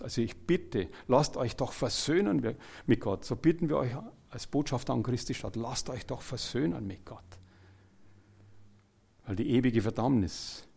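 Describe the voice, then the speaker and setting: A man preaching an evangelical sermon, who swings between loud exclamations and quiet, earnest asides and jokes with the congregation as he retells scripture in everyday terms. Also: medium pitch, gravelly, husky.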